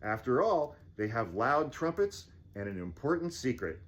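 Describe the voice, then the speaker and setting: A man reading a children's storybook aloud as fireside storytelling, theatrical and deliberate, with casual asides. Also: mid-range voice, very animated. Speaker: storybook reader.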